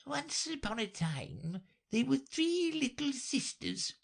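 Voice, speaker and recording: The Dormouse, tiny hoarse and sleepy. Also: male voice, very high voice, sing-song, slow, voice pushed up, full character voice. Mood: drowsy. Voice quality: hoarse, feeble. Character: sleepy little male dormouse.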